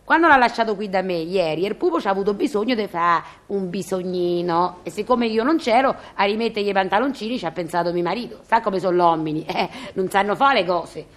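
An actress in a radio comedy playing a chatty, sarcastic middle-aged Roman doorkeeper with a Roman accent. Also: female voice, medium pitch, expressive, fairly quick, few pauses, natural voice. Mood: gossipy. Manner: chatty, sarcastic, mock-polite on the phone. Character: gossipy sharp-tongued Roman woman doorkeeper.

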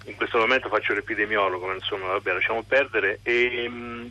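Middle-aged male phone-in caller, very bright forceful voice, wry, informal delivery. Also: on the low side, fairly even intonation, fast talker, poor audio. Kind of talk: informal spoken anecdote.

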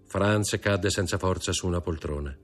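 Deep-voiced man reading a classic novel. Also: soft background music. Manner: measured, expressive literary reading. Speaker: audiobook narrator.

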